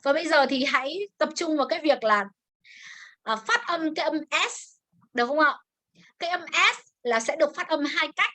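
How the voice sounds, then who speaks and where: Lady teacher, high bright voice, goes slow over english words. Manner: mixes Vietnamese and English, drills words slowly. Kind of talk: online grammar class.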